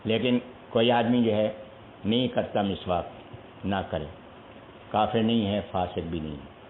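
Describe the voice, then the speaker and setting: A religious teacher with a lowish voice leads a Quran recitation lesson, patiently spelling out pronunciation one syllable at a time. The broadcast audio is echoey, tinny and lo-fi, with a little hiss or hum.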